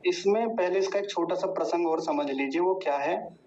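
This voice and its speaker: A man teaching Sanskrit mantra pronunciation in a class, patiently repeating each word slowly. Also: sits high, a little mellow. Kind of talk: online class lesson, slow word-by-word drilling. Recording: dull lo-fi sound with faint noise.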